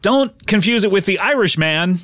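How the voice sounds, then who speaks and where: A man's voice: high-pitched, lively intonation, normal speed, fairly bright tone, no room sound, studio quality. A man hosting a comedy podcast, laughing often and teasing his co-host in casual chat. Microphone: studio mic.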